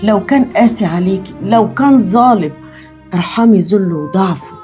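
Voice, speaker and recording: Woman playing a gentle Egyptian mother, mellow and quick. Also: mid-range voice, animated, faint music behind, lightly acted. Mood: imploring. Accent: Egyptian Arabic. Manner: imploring. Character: gentle middle-aged mother, pleading for mercy.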